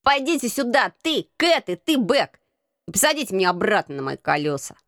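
A woman reading an audiobook, voicing a bossy crippled street boy who leads a gang and barks gruff commands. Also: on the high side, expressive, measured pace, fairly bright tone, no echo, studio quality. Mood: angry. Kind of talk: audiobook character voice.

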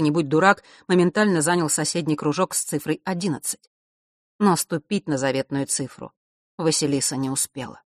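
A woman reading a novel aloud as audiobook narration, measured and expressive. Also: lowish voice, no echo, studio quality.

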